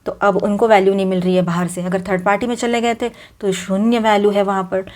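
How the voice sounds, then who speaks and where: Talking straight to her viewers, a woman tarot reader with a Hindi accent does a conversational reading in a mid-range, slightly mellow voice. Her Hindi is sprinkled with English words, many fillers and frequent restarts.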